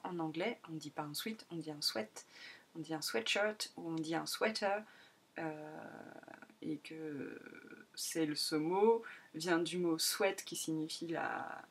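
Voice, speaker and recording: Host, woman, 30s, from France. Chatty, hesitant, self-mocking, slightly low voice. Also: measured pace, gravelly, breathy edge. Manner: rambling, many hesitations, self-mocking laughter. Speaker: podcast host. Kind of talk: casual solo podcast chat.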